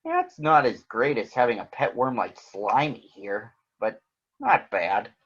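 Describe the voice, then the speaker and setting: A grouchy storybook trash-can dweller, voiced by a man. The delivery is teasing and mocking at a middling pitch. The audio is slightly dull and lo-fi. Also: wildly swooping pitch, measured pace, a bit bright, husky, heavily acted. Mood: mocking, grudging.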